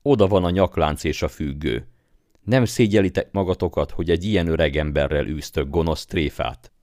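A man's voice: very deep voice, darkish tone, dry recording, studio quality. A man voicing a frantic old male goldsmith in an audiobook, with a shaky, pleading voice and wailing, accusing outbursts. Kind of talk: audiobook character voice.

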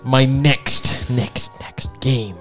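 A man hosts a casual gaming podcast with friends, ranking games and talking enthusiastically in slangy, profane language. His voice is mid-range and a bit bright, with a steady tone and an extremely slow pace. Background music plays under his voice.

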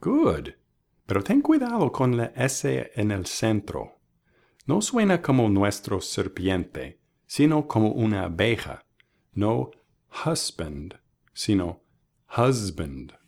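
A man teaching English pronunciation in a bilingual lesson, modeling each word slowly and contrasting wrong and right versions. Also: fairly low pitch, very animated, gravelly, a little mellow. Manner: slow, deliberate, models words by contrast. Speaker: language teacher.

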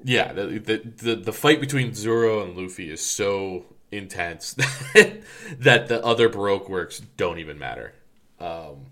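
Man, very low voice, casual podcast chat, rambling, lots of ums. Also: animated, a little slow, a bit bright. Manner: rambling, many fillers and restarts. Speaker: podcast co-host.

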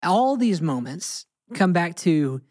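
An American man, a podcast co-host and Bible teacher, speaks in a high, darkish voice that is very animated yet slow. In a casual Bible discussion he's earnest and emphatic, often repeating phrases for weight.

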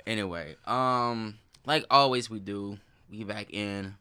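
Guy hosting his podcast, bright voice, all over the place and laughing. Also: fairly low pitch, slow pace, smooth. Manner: laughs often, loose and rambling. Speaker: podcast host. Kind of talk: casual chat.

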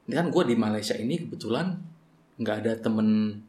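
A man's voice: on the low side, animated, a little fast, warm tone. A man from Semarang with a Central Javanese accent, co-hosting a podcast in casual chat and mixing in English phrases. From Semarang, Central Java. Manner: code-switches Indonesian, Javanese and English. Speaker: podcast co-host. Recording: echoey room.

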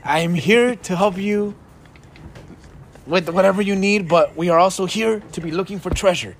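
A man's voice: sits high, normal speed, slight background noise. A man voicing a friendly male dwarf who eagerly welcomes travelers, close to his own voice.

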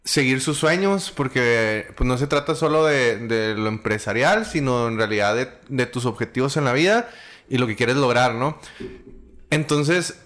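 A man's voice: medium pitch, a bit bright. A man hosting a casual podcast over beers, joking and slangy, with lots of fillers and restarts. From Chihuahua, Mexico. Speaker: podcast host.

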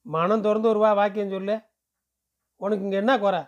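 A man's voice: high voice, fairly even intonation, moderate pace, lightly acted. A man reading aloud, voicing a grown village man who leads a drama troupe and questions, coaxes and teases. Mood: coaxing. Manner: questioning, coaxing, teasing.

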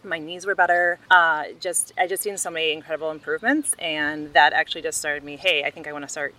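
Bright-voiced woman chatting as a guest. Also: sits low, fairly even intonation, quick pace, rough recording. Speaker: interview guest, Pilates teacher. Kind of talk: casual interview talk. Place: outdoors.

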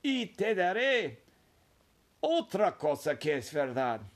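A man voicing an excited, secretive old grandfather telling a boy a hushed story. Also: sits high, takes it slowly, pitched above the performer's own voice, exaggerated voice. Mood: conspiratorial. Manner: hushed, conspiratorial, emphatic.

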